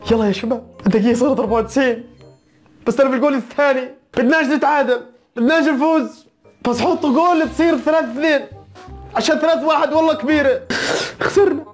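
High-voiced, fast-talking man. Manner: teasing, animated, mock-scolding with frequent laughter. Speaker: football YouTuber reacting to results. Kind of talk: excitable casual football chat.

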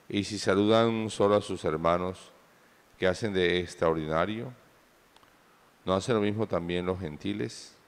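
A man serving as priest, reading the Gospel and preaching slowly and deliberately in a large church with a cathedral echo. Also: deep voice, clear, resonant tone. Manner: slow, measured proclamation. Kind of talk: liturgical reading and homily. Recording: long church reverb.

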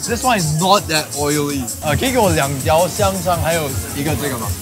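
A man's voice: fairly high pitch, lively intonation, a little fast, music in the background. A man hosting a food vlog, chatting eagerly as he tastes dishes at an outdoor night market. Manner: enthusiastic, chatty while eating. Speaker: food vlogger host. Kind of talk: casual food vlog chat.

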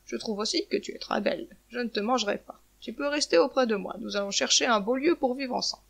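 A woman voicing a feared male eagle who turns gentle and reassuring, in a storybook tale. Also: on the high side, fast talker, gravelly. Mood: musing. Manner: calm and reassuring. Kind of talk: storybook narration.

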